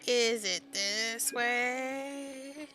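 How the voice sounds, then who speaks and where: Bright high-voiced woman streamer. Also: drawn-out words. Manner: chatty, talks to herself while playing. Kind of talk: casual game streaming. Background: game music.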